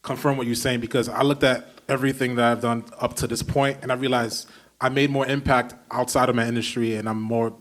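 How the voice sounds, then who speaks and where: A man's voice: mid-range voice, flat delivery, brisk, a bit bright. A man from Brooklyn hosting a podcast, asking long, enthusiastic, rambling questions in casual conversation. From Brooklyn, New York. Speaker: podcast host. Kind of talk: casual interview chat.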